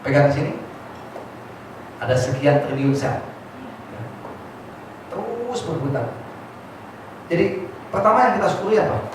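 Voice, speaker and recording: A man leads a motivational seminar, asking the audience questions and prompting them to answer. His voice booms around a large, echoing hall and is picked up from a distance. A steady layer of noise sits underneath. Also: unhurried, pauses often. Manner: lively, calls on the audience to answer. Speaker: motivational speaker. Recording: echoey hall, far mic, noisy.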